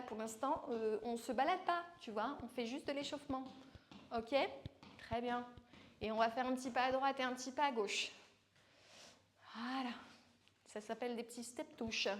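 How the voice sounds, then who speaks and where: A woman leading a home workout as a fitness coach, chatty, joking and poking fun at herself between instructions. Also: on the high side. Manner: joking, chatty and self-mocking.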